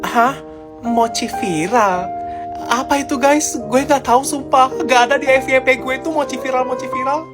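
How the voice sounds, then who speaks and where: Over a loud music bed, a young female comedy creator acts out a comic school skit alone, shifting among various schoolgirl voices. She speaks at a moderate pace in a voice that sits high.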